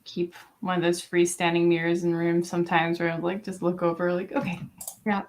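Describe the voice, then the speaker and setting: Young woman, casual stream chat, thinks aloud, low voice, fry. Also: monotone, brisk. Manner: rambling, thinking aloud with many fillers. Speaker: streamer and artist. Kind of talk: casual live-stream chat while drawing.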